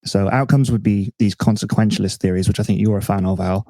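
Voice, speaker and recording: A man hosting a casual podcast chat, relaxed and self-mocking, thinking aloud with restarts. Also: on the low side, fast talker, no room sound. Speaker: podcast host.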